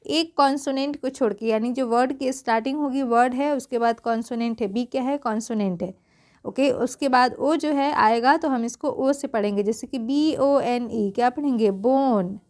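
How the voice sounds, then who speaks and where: A woman's voice: fairly high pitch, moderate pace, darkish tone. A woman teaching English pronunciation in Hindi. She spells words out letter by letter, repeats each word, and asks questions that she answers herself. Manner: spells letters one by one, then says the word twice.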